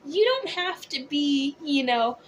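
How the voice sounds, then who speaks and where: A drag queen host chatting casually to viewers about opinions and comments, rambling conversationally with theatrical, drawn-out emphasis. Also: sits high, animated, slight background noise.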